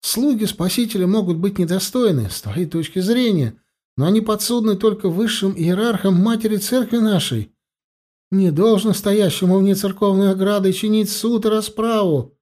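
Reading an audiobook, a man voices a frightened, whiny male mage who pleads and cries out plaintively. He pitches his voice above his own but close to everyday speech: fairly high, a little mellow, at a normal speed.

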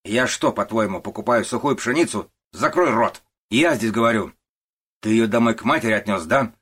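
A man doing a loud bullying boss. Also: fairly low pitch, normal speed, breathy edge, voice pushed up. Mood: angry, bossy. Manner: loud and scolding. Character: shouting, bullying middle-aged male warehouse boss.

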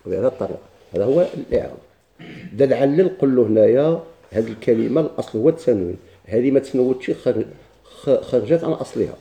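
Male grammar teacher, Moroccan Arabic accent, very dark tone, medium pitch, patient step-by-step explainer. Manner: explains step by step with rhetorical questions and repetition. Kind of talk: classroom grammar lesson.

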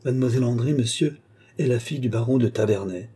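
A man's voice: medium pitch, fast, mellow, breathy edge, pitched above the performer's own voice, lightly acted. A man voicing a frightened young man in an audiobook, pleading and protesting his innocence. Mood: earnest. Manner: pleading, stammering.

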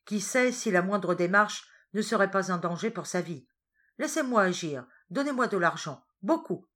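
A woman's voice: on the low side, expressive, measured pace. A woman voicing a young male journalist who pleads with fervent urgency in a storybook reading. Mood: desperate.

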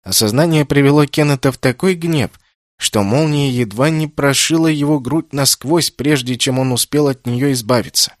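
A man narrating a fantasy audiobook in a measured, even storytelling manner. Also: medium pitch, no room sound, studio quality. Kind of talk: scripted narration.

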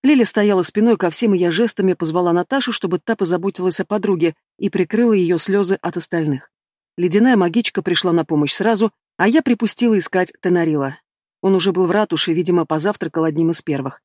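A man narrating an audiobook in a measured, even reading style, close to the mic. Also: high-pitched, no room sound. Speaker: audiobook reader. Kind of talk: scripted narration.

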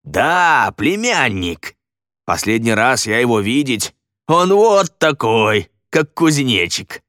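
A man puts on a big, hearty man who talks loudly in broken grammar, his lines lifted higher and lively. It is a storybook reading with a dry, close sound. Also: slow, no echo. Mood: boisterous. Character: big, boisterous man speaking broken Russian.

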